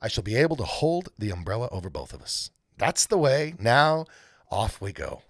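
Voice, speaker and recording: A man voicing a courteous, excitable male faun in a storybook, with a stammering, formally polite manner and a touch of melancholy. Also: on the low side, moderate pace, dry recording, clean studio sound. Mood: eager, hospitable. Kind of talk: storybook read-aloud character voice.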